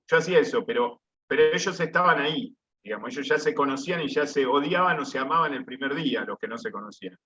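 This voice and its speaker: A man's voice: mid-range voice, pushed and bright. A man who teaches audiovisual production, reflecting hesitantly on group work in an online seminar. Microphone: video call. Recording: muffled video call audio.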